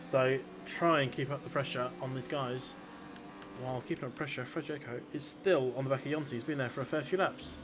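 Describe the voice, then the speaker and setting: A man's voice: mid-range voice, steady tone, fairly quick, noisy background. A man working as a motorsport commentator, giving conversational analysis of the race. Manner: motorsport commentator explaining incidents and strategy.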